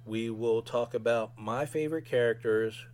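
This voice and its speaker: A man's voice: medium pitch, normal speed, a little mellow. A man casually giving his own fan review as a solo podcast host.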